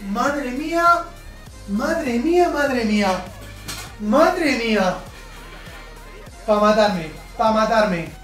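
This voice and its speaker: A man commentates his own football video game match. He gets excited easily, shouts at big plays and groans when things go wrong. He sits back from the mic in an echoey room, with faint music underneath. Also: very high-pitched, extremely slow, pauses often, recorded from a distance. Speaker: gaming YouTuber. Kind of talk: live gameplay commentary.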